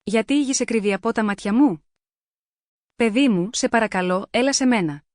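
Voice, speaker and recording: A woman's voice: on the high side, darkish tone, no echo, studio quality, lightly acted. A woman voicing a grieving mother who pleads with her dead child in a mournful lament.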